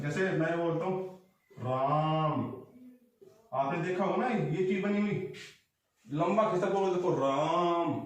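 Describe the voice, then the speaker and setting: A man's voice: high-pitched, darkish tone, very echoey, distant mic. A male teacher giving a patient exam-prep lesson, drawing out sounds as he explains them. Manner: explains patiently, draws vowels out long.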